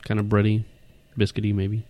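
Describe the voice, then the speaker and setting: A man's voice: lowish voice, monotone, a little fast, mellow, a little hiss or hum. A man co-hosting a casual beer-tasting podcast, chatting and trading dry remarks. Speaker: podcast co-host.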